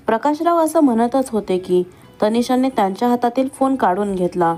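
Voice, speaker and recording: A woman reading a family love story aloud, voicing each character in her own voice with dialogue pitched a little higher. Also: expressive, normal speed, dark tone, soft background music. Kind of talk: scripted story narration.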